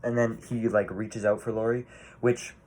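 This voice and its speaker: Male movie reviewer, low voice, casual rambling delivery, swears often. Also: level tone, normal speed, a little mellow. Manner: rambling, swears freely, many fillers and restarts.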